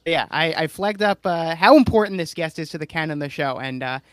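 A man's voice: on the high side, lively intonation, a little fast, dry recording. A man hosting a podcast in casual chat, rambling and teasing as he talks. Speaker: podcast host.

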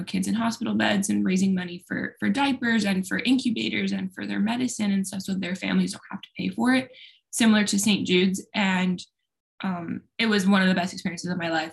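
A young adult woman, a native Spanish speaker, rambles chattily about her college years, filling her casual talk with lots of fillers. Her voice is gravelly and medium in pitch.

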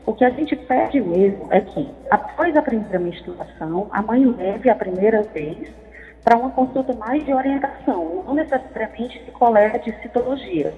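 A woman's voice: fairly high pitch, expressive, normal speed, soft background music. A woman gynecologist giving medical advice over the phone on a call-in radio show, explaining things step by step. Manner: explanatory, frequent tag questions. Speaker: gynecologist guest. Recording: tinny phone line with reverb.

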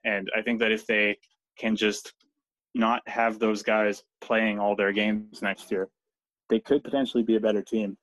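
Low-voiced man in casual podcast talk. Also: flat delivery, normal speed, fairly bright tone, dry recording, rough recording. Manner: loose, filler-heavy, many restarts. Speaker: podcast guest, hockey analyst.

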